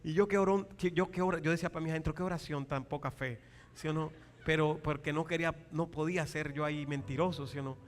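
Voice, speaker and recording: A male pastor preaching a sermon, animated and acting out dialogue, often asking the congregation for a reply. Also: a little high, fast. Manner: acts out quoted dialogue in raised voices. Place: large church hall. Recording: long hall reverb with faint music.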